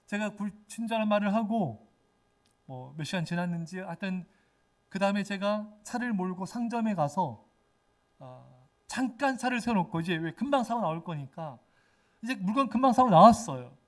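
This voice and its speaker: A man's voice: high voice, expressive, moderate pace. A middle-aged male pastor preaching a sermon with emphasis, sometimes acting out the voices of people he quotes.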